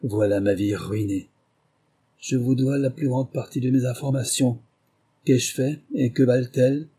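A man reading aloud, voicing a furious captured male German spy, speaking slowly and bitterly. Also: fairly even intonation, mellow, breathy edge. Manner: slow, low, deliberate and bitter.

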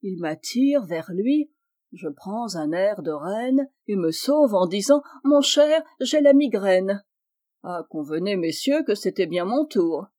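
A woman reads a comic verse monologue in a theatrical way, taking her time over every line. She drops to hushed asides and then lifts into bright exclamations. The sound is close and dry, with no room around it. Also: medium pitch, animated, measured pace, no room sound.

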